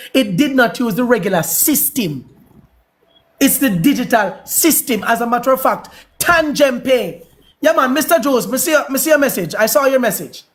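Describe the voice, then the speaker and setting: A man's voice: very high voice, fairly bright tone. A man with a Jamaican accent hosting a livestream, delivering a preachy, repetitive, heated monologue. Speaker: livestream host.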